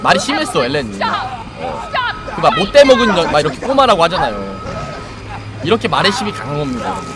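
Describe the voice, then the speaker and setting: A man's voice: sits high, big pitch swings, brisk, loud music behind the voice, over a noisy crowd. A young man casually commenting on a game as a streamer, joking with his viewers in a playful, chatty way. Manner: playful, chatty, puts on silly voices.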